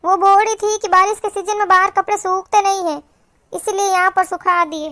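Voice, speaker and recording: A woman's voice: extremely high pitch, fairly even intonation, a little fast, pushed and bright, no echo. Woman voicing a nervous new mom cartoon character, begging for help, dry close mic. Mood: soothing. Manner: pleading, soothing. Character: young anxious new mother, pleading. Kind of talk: cartoon voice acting.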